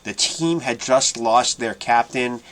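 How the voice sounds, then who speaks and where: A man hosting a casual sports fan podcast, asking his co-host questions and often trailing off quietly. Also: mid-range voice, takes it slowly. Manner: asks his co-host questions, many restarts.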